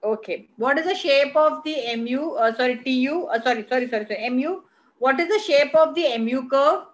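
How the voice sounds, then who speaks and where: High-voiced Indian woman teaching a class. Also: fairly quick. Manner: instructive, repeats phrases for emphasis; switches between English and Hindi. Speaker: economics teacher. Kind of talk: online class teaching, question and answer. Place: online video call class.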